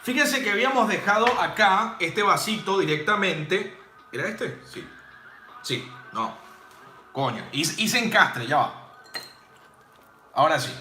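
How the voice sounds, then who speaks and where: Bartending teacher, high voice, chatty and playful, roomy room with music behind. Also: male voice, big pitch swings, measured pace, pauses often, sharp tone, a little hiss or hum. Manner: chatty and jokey, with playful sound effects and casual swearing. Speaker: bartending instructor. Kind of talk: casual live drink-making demo. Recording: roomy home space with music playing.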